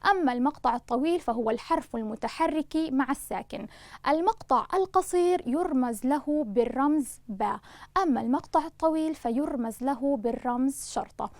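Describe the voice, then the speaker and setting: A woman teacher giving a recorded grammar lesson, speaking slowly and deliberately and spelling out sounds for her students. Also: high voice, no echo. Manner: slow, deliberate, spelling out syllables; addresses students warmly as loved ones. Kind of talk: online Arabic lesson.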